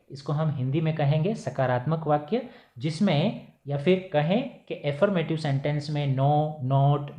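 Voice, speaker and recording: A male teacher giving a recorded grammar lesson, repeating key points as questions to his pupils and slowing down to dictate definitions. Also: a little high, mellow. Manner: switches to slow, dictated English for definitions.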